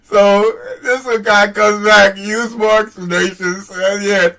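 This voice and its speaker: A man's voice: sits high, flat delivery, slow pace, bright, forceful tone, recorded from a distance, rough recording. A man hosts a casual, rambling commentary on online exchanges in a mocking, profane manner. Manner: mocking, profane, chuckling at his own jabs. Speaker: host.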